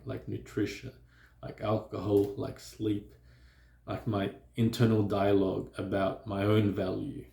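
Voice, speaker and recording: A slow, hesitant man who stutters addresses his camera with personal reflections, stopping and restarting often and leaning on fillers. The vlogger's voice is gravelly, low, and mellow, and the room gives it an echo.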